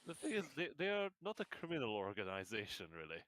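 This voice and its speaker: A man's voice: fairly low pitch, huge pitch swings, fast, a bit bright. A man running a tabletop game who playfully prompts his players to recap the last session. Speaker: game master. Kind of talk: casual game recap chat.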